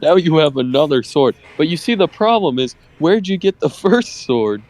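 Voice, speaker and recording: A man's voice: a little high, expressive, normal speed, a little mellow. A young man in casual chat with friends, eagerly cutting in and piling on ideas with lots of fillers. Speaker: podcast co-host.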